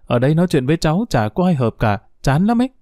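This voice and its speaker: A man voicing a lively teenage girl who teases and bosses her uncle. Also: on the high side, fast, no echo, clean studio sound, pitched above the performer's own voice. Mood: pleading. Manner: playful, teasing, commanding.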